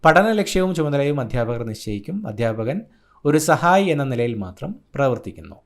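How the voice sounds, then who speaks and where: A man's voice: medium pitch, big pitch swings, fairly quick, gravelly. A man from Kerala, an exam coaching tutor, reading out an answer key in short, clipped phrases. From Kerala, India.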